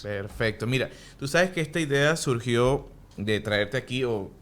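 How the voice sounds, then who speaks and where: A man's voice: medium pitch, lively intonation, measured pace, a bit bright. Man, interview host, chatty, laughs often, casual.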